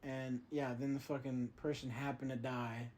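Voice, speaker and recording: A man's voice: medium pitch, flat delivery, normal speed, a little mellow, slight background noise, poor audio. A young man co-hosting a podcast, recapping a plot in a rambling way, with fillers and swearing. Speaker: podcast co-host. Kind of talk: casual chat.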